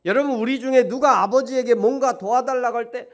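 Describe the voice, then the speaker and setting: A male pastor giving an animated, conversational sermon and asking the congregation questions. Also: extremely high pitch, quick pace.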